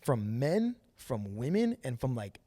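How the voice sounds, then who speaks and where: A man's voice: mid-range voice, unhurried, no room sound. Slangy man telling a story, dry sound. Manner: slangy and animated, acts out quoted dialogue. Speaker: podcast host telling his testimony. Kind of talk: casual chat, personal storytelling.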